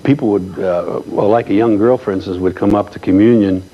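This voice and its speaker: An older man reminiscing in a relaxed chat as a guest, telling stories with many pauses and fillers. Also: lowish voice, lo-fi sound. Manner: folksy storyteller, halting with many fillers. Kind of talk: casual reminiscing.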